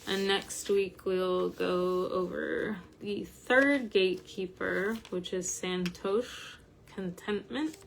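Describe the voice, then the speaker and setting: A tired-sounding woman with a slightly croaky voice, talking informally and haltingly as she hosts an online study group. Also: medium pitch, steady tone, rough recording. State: tired from medication. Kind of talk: informal livestream talk.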